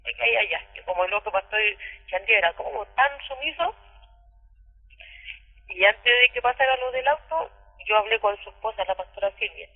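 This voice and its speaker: A middle-aged Chilean woman giving a halting, emotional account over the phone, often repeating herself. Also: medium pitch, breathy edge. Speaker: caller recounting abuse. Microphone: telephone. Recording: tinny phone line with echo.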